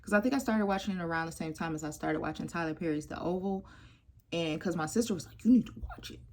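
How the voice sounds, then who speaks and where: A woman casually reviewing a TV show, lively and expressive, dropping into stage whispers for asides. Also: on the low side, fast talker. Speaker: YouTube TV reviewer.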